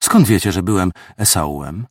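A man's voice: low voice, expressive, moderate pace, no room sound, studio quality. A male narrator voicing a terse, wary older Cossack militia sergeant in his sixties, speaking in clipped replies. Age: 60s.

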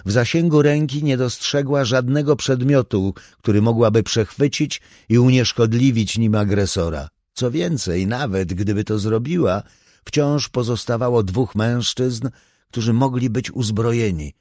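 An audiobook narrator with a mid-range voice reads scripted thriller narration in a measured, even storytelling manner. The sound is clean studio audio with no room sound.

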